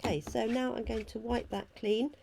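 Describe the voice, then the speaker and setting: Croaky, hoarse woman with a mellow tone. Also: on the high side, fairly even intonation, normal speed. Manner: chatty, talking through each step while working. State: hoarse from illness. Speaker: craft demonstrator hosting a live stream. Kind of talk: casual live craft tutorial. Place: at a craft table indoors.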